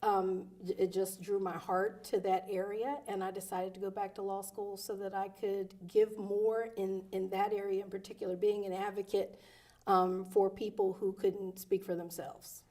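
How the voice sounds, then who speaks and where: A woman's voice: mid-range voice, level tone, normal speed, dark tone. A woman in her forties, a lawyer and interview guest who was raised in Delaware, answering earnestly with many ums and uhs. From Delaware, USA. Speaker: guest, attorney and judicial candidate.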